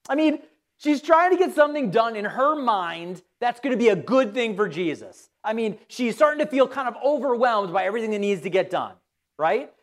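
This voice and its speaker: A woman pastor giving a conversational sermon, asking her listeners questions and acting out quoted voices. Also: mid-range voice. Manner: conversational, asks the audience questions.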